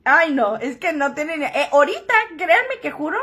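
A woman talks straight to camera in a high voice. She tells her story frankly and swears freely. She jokes her way through it. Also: very animated, moderate pace, a bit bright. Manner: joking, frank and crude-spoken. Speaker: vlogger.

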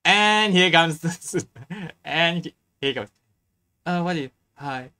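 Animated reaction host with wide pitch swings. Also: slow pace, smooth. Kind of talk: casual live reaction commentary, reading subtitles aloud.

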